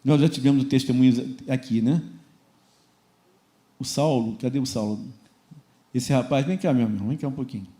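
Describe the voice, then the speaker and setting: A man with a Brazilian accent preaching a sermon to his congregation in an informal, lively way, acting out little everyday scenes. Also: medium pitch, normal speed, pauses often. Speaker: church founder preaching. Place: church service before a congregation.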